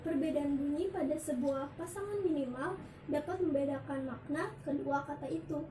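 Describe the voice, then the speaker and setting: A woman's voice: high-pitched, moderate pace, dark tone. A young woman student giving a recited class presentation, listing points in order one by one. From Indonesia. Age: young adult. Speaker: university student presenting coursework. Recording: echoey room, distant mic, faint hiss.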